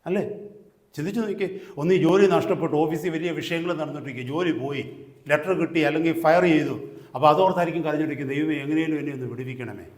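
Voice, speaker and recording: A man with a fairly high voice preaches a sermon as a pastor. He drops to quiet, close talk, then surges into loud, rising exhortation, and he stops to stress slow English phrases. The sound carries the echo of a church hall.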